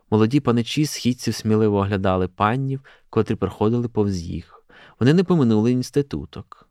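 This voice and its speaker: A man, a journalist, reading a classic prose excerpt aloud in a steady, measured way. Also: fairly low pitch, no echo, clean studio sound.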